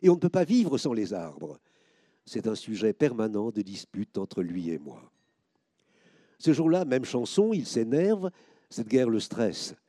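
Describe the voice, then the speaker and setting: A man reading first-person stories aloud, expressive, lifting his voice sharply when he quotes the people in them. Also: mid-range voice, unhurried, no room sound, studio quality. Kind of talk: scripted narration.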